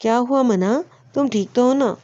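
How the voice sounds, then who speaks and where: A woman's voice: on the high side, mellow, highs cut off, natural voice. A woman reading as a manipulative young man. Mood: pressing. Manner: pressing, coaxing.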